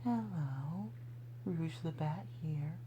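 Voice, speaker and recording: A man's voice: a little high, takes it slowly, mellow, slightly rough, dull audio, exaggerated voice. A man voicing a confident female bat teammate, cool and matter-of-fact, for a fan character role-play.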